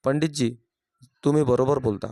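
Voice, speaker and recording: A man's voice: medium pitch, steady tone, moderate pace, dark tone, no room sound, close to an everyday voice. Man reading as a reformed miserly merchant. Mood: earnest. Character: miserly village merchant turned generous, middle-aged man.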